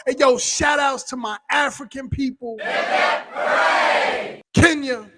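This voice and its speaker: High, bright-voiced man giving shout-outs. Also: fairly even intonation, takes it slowly, some chatter behind, slight background noise. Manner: exuberant, slangy, calls out shout-outs. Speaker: vlog host. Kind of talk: casual shout-out vlog.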